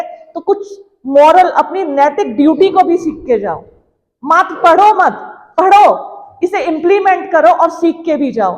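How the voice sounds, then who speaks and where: A woman's voice: high-pitched, a little mellow, long reverb tail, poor audio. A female teacher giving an earnest classroom lecture, urging students and acting out parents' voices.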